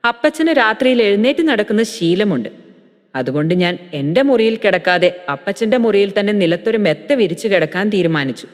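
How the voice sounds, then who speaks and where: A woman's voice: medium pitch, lively intonation, a little fast. A woman tells a first-person story in an intimate, emotional way, her voice sitting in a mid register. The sound carries a long reverb, as if she is recording in an echoey room.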